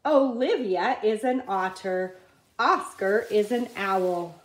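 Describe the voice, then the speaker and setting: Slow, careful woman reading aloud. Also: medium pitch, echoey room. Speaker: reader. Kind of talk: reading a picture book aloud. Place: indoors at a wooden table.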